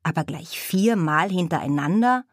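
A woman reading a children's storybook aloud in a calm, even storytelling manner. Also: fairly low pitch, moderate pace, dry recording, studio quality. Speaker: audiobook reader. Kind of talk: storybook narration.

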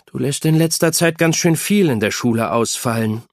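A man's voice: mid-range voice, normal speed, a little mellow, dry recording, studio quality, voice pushed up, close to an everyday voice. A man reading aloud, voicing a concerned adult woman who keeps probing a teenager with questions.

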